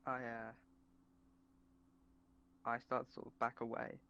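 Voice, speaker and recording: A young man taking part in a tabletop game as a player. He answers quietly in short, low-key phrases, with a gravelly texture to his mid-range voice. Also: completely flat delivery, unhurried, lo-fi sound. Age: young adult.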